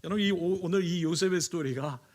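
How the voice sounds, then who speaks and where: Male pastor, sermon delivery, somewhat higher voice, animated storyteller who pauses on fillers. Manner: animated storytelling, acts out quoted lines in raised voice; frequent hesitation fillers.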